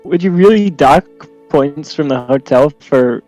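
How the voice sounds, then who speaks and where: Male co-host, slightly high voice, casual comic banter in amused disbelief, music underneath. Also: expressive, unhurried, dark tone, low-quality recording. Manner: amused, incredulous. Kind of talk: casual comedic banter and read-aloud.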